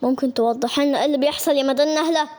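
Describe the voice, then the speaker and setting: A woman voicing a calm, formal male police officer, in Egyptian Arabic. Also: high-pitched, very fast, pitched below the performer's own voice, lightly acted. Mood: stern. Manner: formal, curt.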